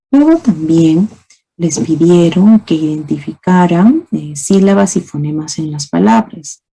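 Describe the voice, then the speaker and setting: A woman's voice: low voice, creaky, warm tone, slightly rough. A woman teacher giving a lecture to other teachers, explaining with spoken examples and rhetorical questions and often asking "¿no?". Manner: often asks "¿no?" to check understanding. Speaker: teacher speaking to fellow teachers. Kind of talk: recorded lecture on early reading.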